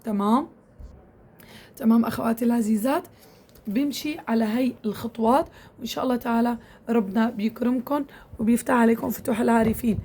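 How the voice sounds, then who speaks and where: Brisk woman tutor, fairly high voice, keeps asking "okay?". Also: warm tone, a little hiss or hum. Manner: repetitive, checks in with "tamam?" often. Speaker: Quran recitation teacher. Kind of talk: casual instructional talk to women students.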